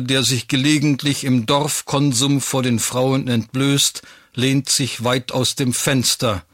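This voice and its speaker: A man's voice: medium pitch, a bit bright, no echo. Dry, close male storyteller. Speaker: narrator. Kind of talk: scripted story narration.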